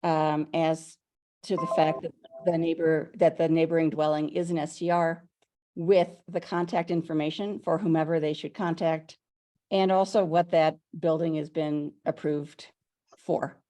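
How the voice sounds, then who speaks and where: Low, mellow-voiced chatty woman. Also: flat delivery, a little slow. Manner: chatty, a bit rambling, self-correcting. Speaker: local homeowner giving public comment. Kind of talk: public comment at a video meeting. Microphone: video call.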